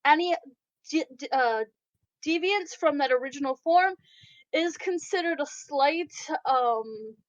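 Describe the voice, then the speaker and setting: A woman's voice: high-pitched, unhurried, no room sound, muffled recording. A woman running a tabletop game as game master, heard through a group voice chat, explaining rules with many restarts and fillers.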